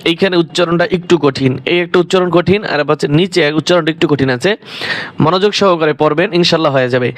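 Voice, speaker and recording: A man teaching recitation, stretching each chanted syllable out long before short spoken notes. His voice sits high and sounds smooth and resonant. It is recorded dry and close in a quiet room. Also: dry recording. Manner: drawn-out chanted syllables between quick explanations. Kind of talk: slow spelled-out recitation lesson.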